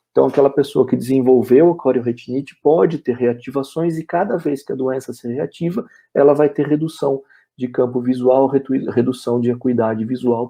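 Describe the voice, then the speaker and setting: Speaking in a medium-pitched, gravelly, husky voice with a dark tone, this Brazilian-accented man explains a veterinary topic one step at a time in a webinar lecture. He leans on "é" as a filler and keeps asking "ok?"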